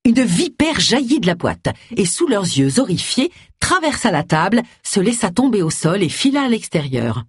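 An audiobook reader giving expressive scripted narration close to the mic. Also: mid-range voice, normal speed, few pauses, breathy edge, dry recording. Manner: expressive storytelling.

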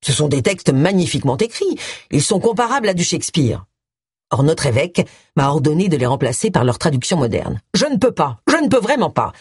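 A woman's voice: low-pitched, big pitch swings, fairly quick, darkish tone, husky, no room sound, clean studio sound, full character voice. A woman voicing a stern, scolding male vicar. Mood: defensive. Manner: curt, scolding. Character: stern middle-aged male vicar, indignant.

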